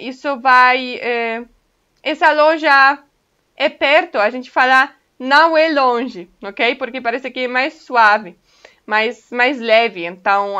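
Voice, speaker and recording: Bright-voiced woman teaching a language. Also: a little high. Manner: patient, explains step by step, often checks in with "ok?". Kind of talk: casual online language lesson. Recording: dull lo-fi recording.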